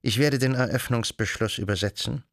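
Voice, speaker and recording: A man's voice: mid-range voice, a little fast, gravelly, dry recording, studio quality, lightly acted. A man reading an audiobook and voicing an irritable, petty-minded male church judge with coarse, common speech. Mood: officious. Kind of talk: audiobook character voice.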